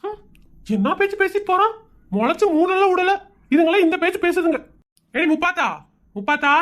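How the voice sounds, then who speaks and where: A woman's voice: very high voice, animated, fairly quick. A woman voicing an exasperated village father in a cartoon comedy, scolding in a rural Tamil Nadu accent.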